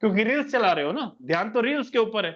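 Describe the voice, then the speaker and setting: A man's voice: sits high, animated, fast, a bit bright, dull audio. A man giving an online sales presentation, pushy and emphatic, repeating key points and calling the listener sir and brother. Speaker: business plan presenter.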